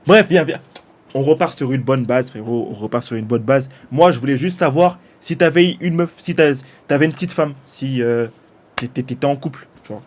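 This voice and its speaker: A man, a streamer chatting casually and mockingly, slangy and teasing, swinging between loud outbursts and mumbles. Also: mid-range voice, moderate pace. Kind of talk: casual mocking chat with a chatbot.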